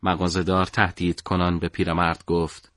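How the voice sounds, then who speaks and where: A man narrating a story for an audiobook in a measured, dramatic way. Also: deep voice, completely flat delivery, fairly bright tone, no echo, clean studio sound.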